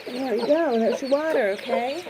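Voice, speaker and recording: A woman's voice: high-pitched, normal speed. A woman hosting a casual livestream, rambling and thinking aloud to viewers and animals as she does farm chores. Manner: coos and chats to animals in questions. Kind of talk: casual chatty livestream walk-about, talking to viewers and animals. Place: farmyard, barn and chicken coop. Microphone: handheld phone or camera. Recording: noisy handheld farm recording with poultry sounds. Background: clucking chickens, rooster, farm ambience.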